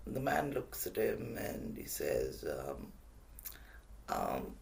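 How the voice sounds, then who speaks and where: A male motivational speaker who tells a story in an animated, drawn-out way during a masterclass. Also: on the low side, creaky, a little hiss or hum.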